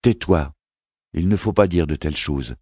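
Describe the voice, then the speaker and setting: A man voicing a queenly mother who speaks gently and reassuringly, with a fierce edge underneath. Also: extremely low pitch, moderate pace, breathy edge, no room sound, clean studio sound. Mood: tender. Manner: gentle, reassuring, flaring sharply.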